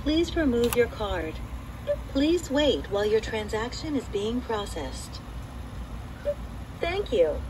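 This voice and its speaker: A woman's prerecorded voice on a car wash pay machine, giving polite automated instructions as spliced-together phrases from a loudspeaker heard from far off. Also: on the high side, slight background noise. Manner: slow, even, polite prompting. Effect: spliced-together prerecorded prompts. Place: outdoor car wash bay.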